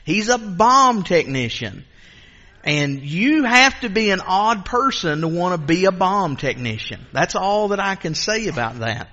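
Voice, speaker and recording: Pastor guy preaching, high bright voice, kinda dull lo-fi church recording. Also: big pitch swings, a little slow. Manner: earnest preaching, rising fervor in prayer. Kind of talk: sermon.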